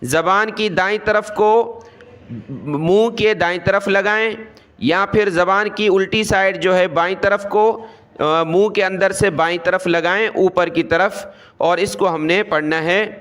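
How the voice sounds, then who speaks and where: A man teaching Quran letter pronunciation step by step in Urdu, explaining mouth positions and slowly drawing out each letter. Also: high voice, a bit bright, clear, resonant tone.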